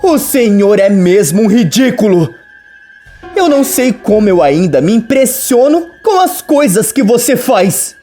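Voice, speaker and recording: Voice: mid-range voice, sing-song, unhurried, darkish tone, faint music behind, pitched above the performer's own voice. A narrator reading a defiant young heroine, firm and sarcastic.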